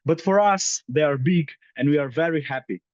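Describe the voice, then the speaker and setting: A man's voice: a little high, normal speed, dry recording, dull audio. A young man from Slovenia giving a conference presentation as head of a ski demo team, hesitant with many fillers. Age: young adult.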